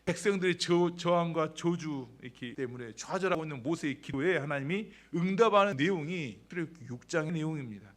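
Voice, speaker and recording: A male pastor preaching a sermon in church in a conversational way, often asking the congregation rhetorical questions and swinging between loud emphatic lines and soft asides. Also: on the high side, a little fast, few pauses.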